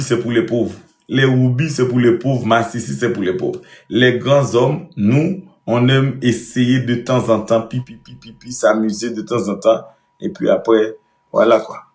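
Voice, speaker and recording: A man hosts a casual live stream, talking emphatically and circling back to the same point. His voice sits at an ordinary middle pitch. The room around him rings with a noticeable echo. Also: fairly even intonation, moderate pace, a little mellow. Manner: emphatic, repeats himself. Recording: roomy echo.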